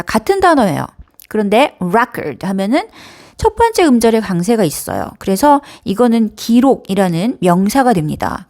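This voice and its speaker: A woman teaching English pronunciation, modeling words slowly with exaggerated stress. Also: medium pitch, a little mellow. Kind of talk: pronunciation lesson.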